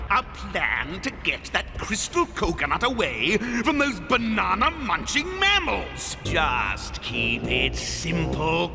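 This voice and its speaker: A man voicing a pompous, scheming, short-tempered reptilian villain king in an animated cartoon, with a bombastic, imperious, exasperated delivery. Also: sits high, gravelly, full character voice. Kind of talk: theatrical animated cartoon acting. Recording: cartoon soundtrack with loud music behind.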